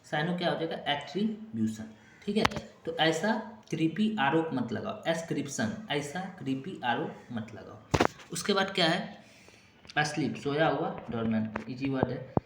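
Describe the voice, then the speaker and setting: A man's voice: on the high side, sing-song, moderate pace. A man teaching an exam-prep vocabulary lesson, repeating memory tricks over and over and checking in with short asides. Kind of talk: classroom-style vocabulary lesson. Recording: echoey room with clear background noise.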